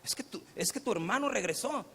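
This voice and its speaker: A man's voice: sits high, expressive, fairly quick, fairly bright tone, slightly rough, long reverb tail, exaggerated voice. A preacher voicing a loving, joyful old father. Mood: tender, eager.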